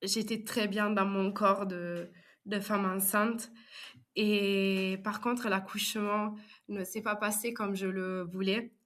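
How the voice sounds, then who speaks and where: A woman's voice: medium pitch, little pitch movement, takes it slowly, fairly bright tone. A young woman speaking French, telling her story as a podcast guest with many hesitations. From Italy. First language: Italian. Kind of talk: personal interview.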